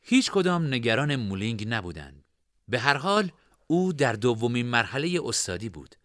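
A man narrating a fantasy story in expressive storytelling style. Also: medium pitch, no room sound, clean studio sound.

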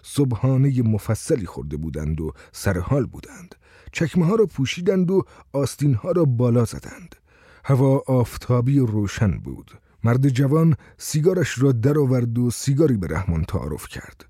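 A man's voice: mid-range voice, big pitch swings, warm tone, breathy edge, no room sound, clean studio sound. A man reading a story aloud as narrator, telling it expressively.

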